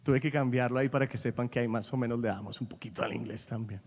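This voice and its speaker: A man preaching a sermon as pastor, animated and rising to loud peaks, sometimes mixing in English. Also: mid-range voice, fast talker, long reverb tail.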